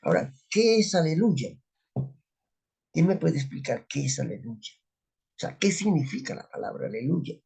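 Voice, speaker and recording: A man's voice: a little high, big pitch swings, normal speed, gravelly, long pauses, a little mellow, breathy edge. A man teaching a Bible study, explaining words step by step and asking his listeners rhetorical questions.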